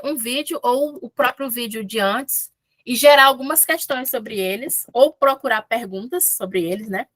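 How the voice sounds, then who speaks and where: A woman's voice: fairly high pitch, bright, forceful tone, no room sound. A woman from Brazil teaching English in a casual, chatty lesson, often checking in with her listeners.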